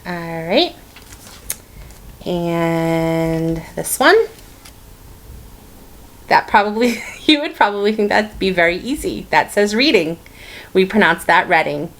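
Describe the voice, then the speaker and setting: A woman's voice: medium pitch, lively intonation, moderate pace, fairly bright tone, a little hiss or hum. A woman with a Boston-area accent, chatting casually in her stitching vlog and rambling with plenty of ums and restarts. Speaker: stitching vlogger. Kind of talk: casual hobby vlog chat.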